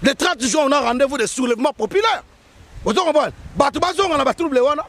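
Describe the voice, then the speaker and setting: A man's voice: very high-pitched, lively intonation, quick pace, a bit bright. A man with a Congolese French accent, talking politics in a heated, emphatic way and repeating his points. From Democratic Republic of the Congo. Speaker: guest.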